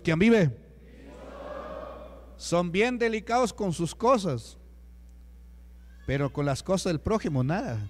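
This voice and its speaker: A man's voice: high-pitched, in a large hall. A man with a Peruvian Spanish accent preaching a sermon as a deacon, talking to the congregation with rhetorical questions and acted-out quotes. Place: church hall.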